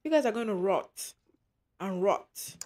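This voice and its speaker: A woman's voice: mid-range voice, animated, measured pace, a little mellow. A woman hosting a movie reaction, talking back at the screen in an emotional, exclamatory way.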